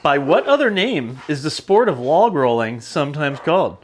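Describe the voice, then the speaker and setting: A man's voice: on the high side, big pitch swings, normal speed. A man co-hosting a casual livestream trivia game, wisecracking and swearing lightly. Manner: joking, wisecracking, mild swearing. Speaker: trivia co-host.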